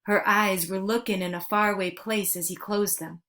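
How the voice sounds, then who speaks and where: Woman narrator for a storybook read-aloud, steady and earnest in her delivery. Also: mid-range voice, moderate pace.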